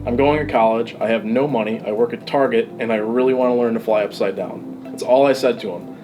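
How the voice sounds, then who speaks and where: A young adult man talks casually and enthusiastically, like a pilot encouraging and instructing someone during flight instruction and chat. His mid-range voice is fairly quick, heard over music in poor audio.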